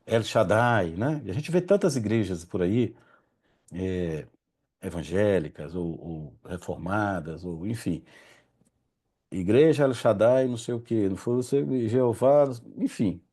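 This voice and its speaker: A man's voice: lowish voice, animated, unhurried, warm tone, slightly rough. A man leading an informal religious study group, often stopping to correct himself and admitting he struggles to pronounce Hebrew names. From Brazil.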